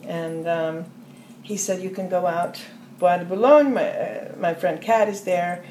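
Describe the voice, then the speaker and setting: An older woman recounts her life in long, meandering anecdotes, often trailing off softly. Her voice sits a little low, and the room gives it a noticeable echo over a faint background hiss. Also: a little slow. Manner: rambling anecdotes with soft trailing asides and laughs. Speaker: interview guest. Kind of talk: storytelling in a podcast interview. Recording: roomy echo with faint ambient noise.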